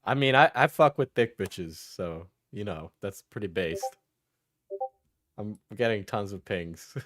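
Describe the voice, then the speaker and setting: A man's voice: lowish voice, expressive, a little slow, fairly bright tone, no room sound, clean studio sound. A man giving casual, rambling live stream commentary, with some swearing, as he reacts to videos.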